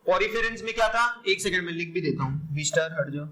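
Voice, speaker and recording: A male biology teacher lectures loudly and energetically, firing questions at students and praising their answers. His voice sits high, and clear background noise runs under the classroom recording. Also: expressive, brisk.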